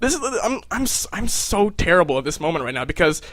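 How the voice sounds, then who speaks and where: A young man with a high voice tells a personal story in a casual, animated way. He rambles and mocks himself as he goes. The sound is dry and close, with no room echo. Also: fast.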